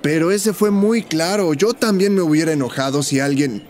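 With faint music behind him, a man speaks as Roberto in a scripted teaching dialogue at a moderate pace. His voice is on the high side and a little mellow, with a Mexican Spanish accent and an easygoing, chatty manner.

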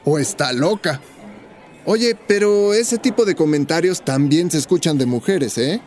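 A man's voice: sits high, normal speed, a little mellow. A man with a Mexican accent, talking in an easygoing way in a scripted dialogue. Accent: Mexican Spanish. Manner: easygoing, conversational. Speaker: character Roberto in a teaching dialogue.

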